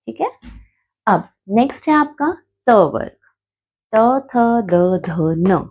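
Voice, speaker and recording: In a mellow, slightly rough mid-range voice, a woman teaches Hindi grammar patiently, sounding out letters one at a time. She checks in with her students by asking "theek hai" and calls them "beta".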